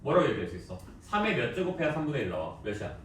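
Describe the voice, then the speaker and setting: A male math teacher giving a classroom lecture, lively and teasing, quizzing students with quick questions. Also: medium pitch, noisy background. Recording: echoey classroom, voice from far off.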